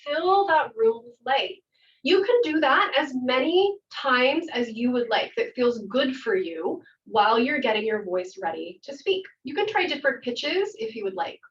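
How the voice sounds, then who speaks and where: Woman, higher voice, theater instructor, calm guiding workshop talk, distant muffled recording. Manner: calm, guiding, slows down for visualization. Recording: muffled audio from far off.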